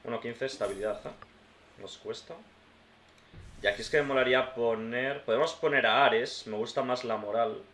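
With a steady, fairly bright medium-pitched voice at normal speed, a man narrates his gameplay casually for YouTube. He thinks out loud and speaks to viewers as friends, using "tío" and "hermanos." The sound is roomy, with faint noise in the background.

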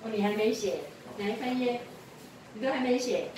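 Woman teacher, patient and repetitive, fairly high voice, very echoey room, heard from a distance. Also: moderate pace, darkish tone. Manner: patient, repeats prompts and quizzes pupils. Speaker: English teacher. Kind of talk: classroom tutoring. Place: classroom. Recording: echoey room from far off, faint noise.

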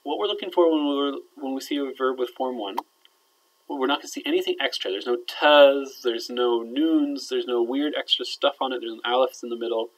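A male teacher walks students through a grammar lesson in an explanatory, conversational way. He keeps checking that they follow, and his phrases sink quietly at the ends. His voice sits at an ordinary middle pitch. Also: brisk, rough recording. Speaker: Arabic teacher. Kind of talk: recorded grammar lecture.

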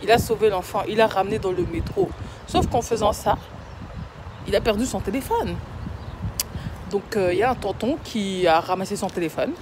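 A woman's voice: medium pitch, normal speed, long pauses, noisy background. A young woman, chatting playfully in a casual vlog and slipping English words in. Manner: playful, mixes in English words, swings from loud teasing to quiet talk. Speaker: vlogger.

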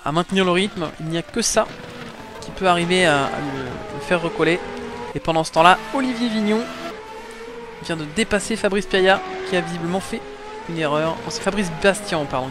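A man giving live motorsport commentary on a sim race, explaining things to the viewers. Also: high voice. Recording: clear background engine noise. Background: race car engines.

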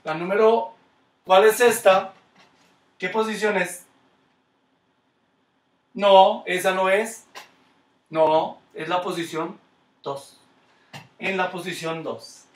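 A man's voice: high-pitched, steady tone, slow pace, long pauses, reverberant, far from the mic. A man with a Colombian Spanish accent teaching a kids' skating class online, coaching with encouraging, repeated cues. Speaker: skating instructor.

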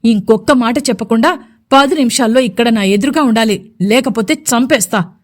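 A woman's voice: fairly high pitch, moderate pace, natural voice. A woman voicing a domineering, short-tempered young husband who snaps clipped orders in a storybook audio drama. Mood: furious.

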